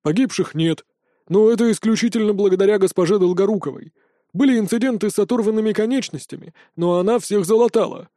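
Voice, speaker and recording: A man's voice: high-pitched, quick pace, warm tone, no room sound, clean studio sound, voice pushed up, lightly acted. A man voicing a dutiful male soldier giving a formal report to his lord in an audiobook. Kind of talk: audiobook character voice.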